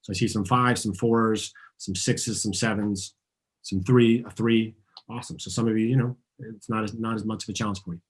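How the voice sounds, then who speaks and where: A lowish voice with a breathy edge, fairly even intonation, and a moderate pace comes from a man born in Argentina and raised in the US. He earnestly coaches a group through tapping, prompting listeners to repeat after him.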